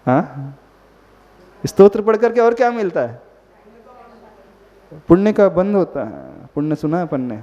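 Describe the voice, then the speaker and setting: In a high, dark-toned and very animated voice, a Jain monk preaches unhurriedly to an assembled crowd, leaving long pauses. He frequently questions his listeners and slips English words into his speech. The audio is dull and lo-fi, with long reverb from the hall.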